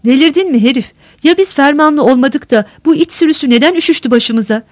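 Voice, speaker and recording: A woman's voice: high-pitched, fairly quick, no room sound, clean studio sound, natural voice. A woman voicing a short-tempered, haughty male lord who barks insults at his steward. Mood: scolding. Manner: scolding, barking insults.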